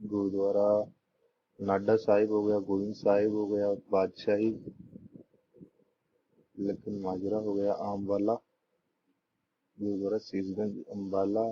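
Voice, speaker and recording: A man's voice: fairly low pitch, completely flat delivery, a little slow, long pauses. A young man, teaching an exam-prep lesson with memory tricks, repeating points and asking rhetorical questions before answering them. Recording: dull lo-fi recording with faint noise.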